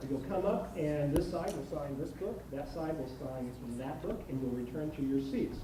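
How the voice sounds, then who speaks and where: A man hosting a ceremony in a large auditorium, speaking informally and haltingly and repeating words. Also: on the high side. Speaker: ceremony host. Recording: very echoey hall, distant, faint noise.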